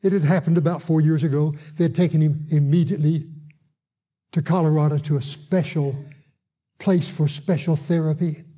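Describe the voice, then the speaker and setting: A man who visits hospitals to evangelize, telling a testimony in an earnest way and slowing down for emphasis. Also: a little high, steady tone, dark tone. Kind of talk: testimony storytelling.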